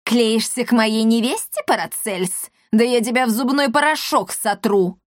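A woman's voice: fairly high pitch, normal speed, no room sound, clean studio sound, close to an everyday voice. A woman voicing a nasty, scheming old male apothecary who sneers and threatens in an audiobook. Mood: sneering.

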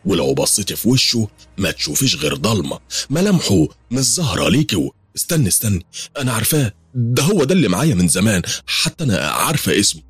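A man's voice: lowish voice, very animated, fast talker, husky, no room sound, pitched above the performer's own voice, full character voice. A man with an Egyptian accent voicing a strange veiled woman who insists she sees spirits around people, speaking in an ominous, matter-of-fact way. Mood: ominous insistent.

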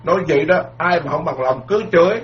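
A man's voice: a little high, lively intonation, a little fast. A man, a Buddhist monk giving a dharma lecture in a folksy, repetitive, emphatic way, full of proverbs. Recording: dull lo-fi lecture recording.

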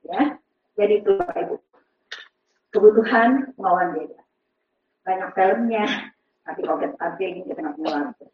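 In a large seminar hall before an audience, a woman leads an interactive parenting seminar, quizzing listeners and acting out voices of parents and children. Her medium-pitched voice is sing-song and brisk with long pauses, and the recording is very echoey, distant and dull.

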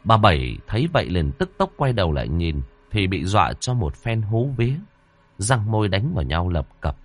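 A man narrating a ghost story in a dramatic, expressive way. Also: deep voice, moderate pace. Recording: dry close voice over faint music.

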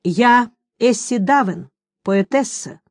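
A woman reading aloud voices a young female poet with a soft, melodic manner. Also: a little high, slow, no echo. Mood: polite.

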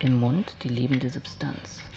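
A male actor voices a morbidly deranged, brooding loner speaking from his tower in an experimental radio play, his creaky, mid-range voice kept level and detached with a sinister edge. He delivers his lines deliberately, in broken fragments, often hushed and breathy. The lo-fi recording sounds dull and noisy.

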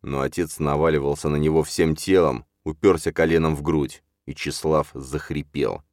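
A man narrating a dark fantasy audiobook in a measured, hushed storytelling manner. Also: extremely low pitch, steady tone, dry recording, clean studio sound.

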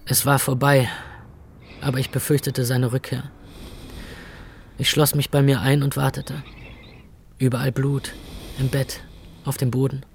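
A gravelly, matter-of-fact narrator. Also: male voice, mid-range voice, flat delivery, a little slow, long pauses, a little hiss or hum. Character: young man narrating his own ordeal. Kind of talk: literary radio narration. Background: music.

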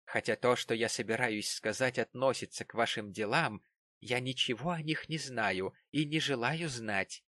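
A man voicing a calm, composed young man who speaks steadily and firmly. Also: mid-range voice, moderate pace, no room sound, close to an everyday voice. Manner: steady, firm.

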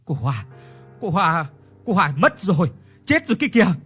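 A frantic village boy yells his news in a breathless rush, his voice climbing high and straining loud, as a male storyteller puts him on. Faint music runs underneath. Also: very animated, brisk, breathy edge, exaggerated voice. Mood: panicked.

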